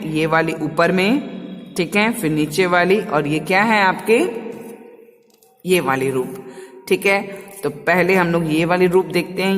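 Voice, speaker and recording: A woman's voice: on the low side, big-room sound. A woman teacher giving a revision class to small children, patiently repeating words for them to say back.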